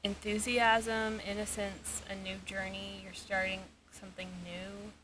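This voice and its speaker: A woman with a mid-pitched voice chats in a casual, reflective way, explaining in short phrases as a vlog host would. She is recorded outdoors, with clear noise around her voice. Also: little pitch movement, measured pace. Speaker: vlog host, paranormal investigator. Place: outdoors in a cemetery. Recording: noisy outdoor field recording.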